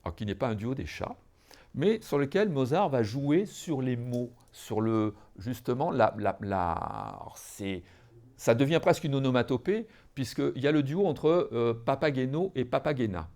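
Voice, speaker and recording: Gravelly, lively-voiced male lecturer. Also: medium pitch, moderate pace. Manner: hesitant, many fillers and restarts while explaining; addresses listeners directly, teacherly. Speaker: music history lecturer. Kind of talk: educational podcast lecture.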